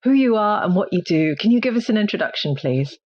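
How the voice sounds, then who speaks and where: A woman hosting a podcast interview, reading a clear scripted introduction and then asking friendly questions. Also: medium pitch, lively intonation, quick pace, darkish tone, dull audio. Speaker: podcast host.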